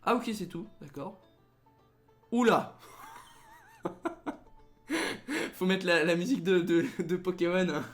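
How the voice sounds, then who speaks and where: A young man with a slightly high voice, playing through a dating game in casual commentary. He reads the on-screen text aloud and breaks in with sarcastic, mocking jokes. Light game music sits faintly underneath. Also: lively intonation, slow, long pauses. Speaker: let's play host.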